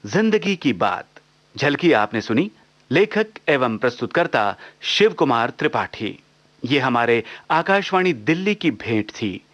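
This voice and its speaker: A man's voice: medium pitch, big pitch swings, measured pace, a bit bright, no room sound. A man reading a formal closing announcement as a radio announcer.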